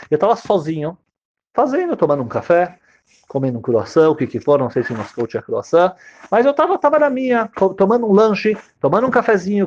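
A man's voice: sits high, a little mellow, slight background noise, voice pushed up. A man voicing a troubled man who earnestly recounts a prison ordeal. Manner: pleading, earnest, repetitive. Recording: dull lo-fi sound.

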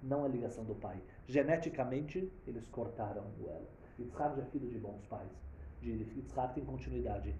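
A man's voice: mid-range voice, normal speed, mellow, dull audio, slight background noise. A man giving a storytelling sermon, acting out dialogue and rising to emphatic peaks. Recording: roomy echo.

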